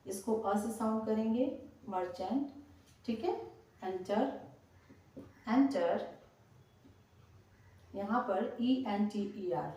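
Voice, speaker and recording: A woman with a fairly high voice teaches pronunciation at a very slow, patient pace. She spells out words and repeats them. Her voice sounds far from the microphone in a strongly echoing room. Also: warm tone. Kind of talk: slow spoken lesson. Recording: very echoey room, voice from off the mic.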